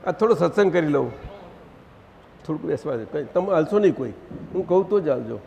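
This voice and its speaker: A man leading a satsang, gently directing the audience and asking them questions. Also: a little high, expressive, brisk, vocal fry, muffled recording. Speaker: spiritual teacher leading a satsang. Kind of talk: conversational religious gathering talk. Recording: long hall reverb.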